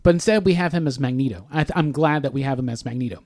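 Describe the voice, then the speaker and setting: A man's voice: mid-range voice, very fast, a little mellow, dry recording. A man co-hosting a casual podcast chat in a studio, rambling and saying "like" a lot. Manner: rambling, says "like" often. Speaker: podcast co-host. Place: recording studio.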